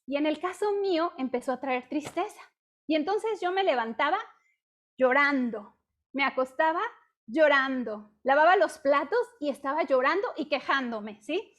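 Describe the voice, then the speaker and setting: A high-pitched, middle-aged woman with a Mexican accent preaches to a women's group in a relaxed, conversational way. She keeps pulling her listeners in with quick questions as she talks, and she acts out her own past complaints as little bits of dialogue. She is heard over a video call. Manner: chatty, peppers talk with rhetorical questions. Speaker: women's ministry speaker. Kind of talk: conversational testimony sermon.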